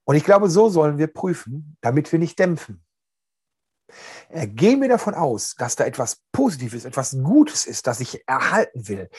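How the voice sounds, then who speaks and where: A man, preaching in a relaxed, joking way and talking straight to his listeners. His voice sits fairly high and swings widely in pitch, with a slightly husky edge. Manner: chatty, joking, addresses listeners directly. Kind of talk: casual, humorous sermon.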